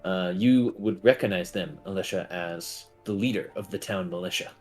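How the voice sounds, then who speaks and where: A man narrating as game master of a tabletop game, improvising in a halting, deliberate way. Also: low-pitched, a little mellow, faint music behind.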